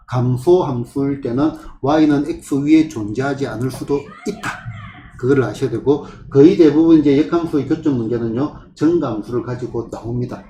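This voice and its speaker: A male math tutor with a mid-range, slightly mellow voice works through problems in a tutoring classroom, checking in with rhetorical questions as he walks through each one. The room is echoey, with faint ambient noise.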